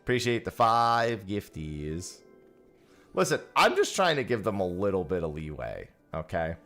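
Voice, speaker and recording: Low-voiced streamer guy on a headset mic, talk bounces up and down, faint music behind. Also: big pitch swings, a little slow, a bit bright. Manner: chatty, joking, thanks viewers for gifts. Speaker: livestreamer. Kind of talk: casual livestream chat while gaming. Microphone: headset mic, livestream audio.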